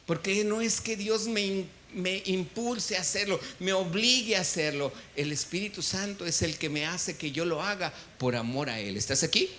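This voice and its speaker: A Mexican pastor preaches in church with a bright, tense edge to his fairly high voice. He keeps throwing questions at the congregation and waiting for them to answer back. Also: moderate pace, hardly any pauses, a little hiss or hum. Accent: Mexican Spanish. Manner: quizzes the congregation, call-and-response. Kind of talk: sermon.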